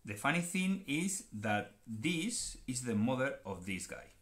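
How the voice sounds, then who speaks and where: A man's voice: medium pitch, very animated, takes it slowly, a bit bright. A man with a Spanish accent from Spain, hosting a card unboxing and chatting in a playful, joking way. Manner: chatty and playful, often joking and self-mocking. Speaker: card unboxing channel host. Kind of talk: casual unboxing commentary, switching between Spanish and English.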